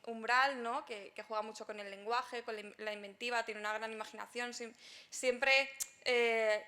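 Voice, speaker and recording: A woman columnist speaking as a panelist in a round-table debate, halting, with many restarts. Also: on the high side, sharp tone.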